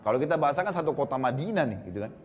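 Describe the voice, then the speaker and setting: A man giving a storytelling sermon to a congregation, retelling the tale with lively energy and frequent tag fillers. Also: fairly high pitch, very fast. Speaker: preacher.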